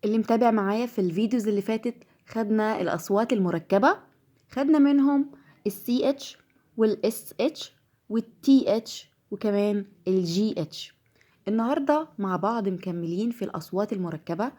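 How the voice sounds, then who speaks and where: A woman with an Egyptian Arabic accent teaching English pronunciation, patiently repeating each word slowly. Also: mid-range voice, warm tone. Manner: patient, repeats words slowly to drill them. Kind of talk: classroom-style lesson.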